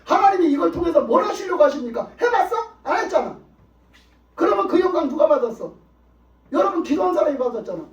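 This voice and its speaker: A male pastor preaching a sermon, pressing his listeners with repeated rhetorical questions. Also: extremely high pitch. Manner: emphatic, repetitive rhetorical questioning. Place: church sanctuary. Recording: echoey hall, distant dull mic.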